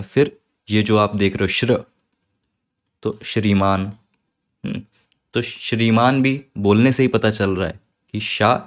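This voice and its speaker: A man teaching Sanskrit letters in an online lesson, patiently repeating each word slowly to show the right pronunciation. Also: fairly low pitch.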